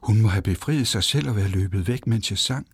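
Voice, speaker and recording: Guy doing a shaky nervous hunter, low and muttering, kinda stammery. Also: slightly rough, no echo, studio quality. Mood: relieved. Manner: stammering, subdued. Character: timid royal hunter, kind and stammering.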